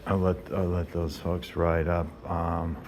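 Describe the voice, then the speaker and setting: A man's voice: low voice, completely flat delivery, unhurried, a little mellow. A man giving a casual, unscripted walking tour, hesitant and thinking aloud as he goes. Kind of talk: casual, unscripted walk-through commentary. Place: indoor train station, walking. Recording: very noisy busy train station.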